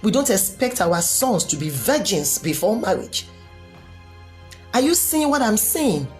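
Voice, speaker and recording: Woman doing a passionate motivational talk, lots of repeating and rhetorical questions, mid-pitched voice, quiet music in the background. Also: very animated, measured pace. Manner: emphatic, repetitive preaching cadence with rhetorical questions. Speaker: live-stream speaker greeting viewers.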